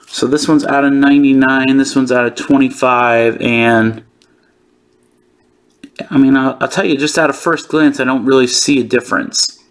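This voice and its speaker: A man's voice: mid-range voice, steady tone, normal speed. Man casually chatting through a card unboxing. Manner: informal, thinking aloud. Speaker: host of a sports card channel.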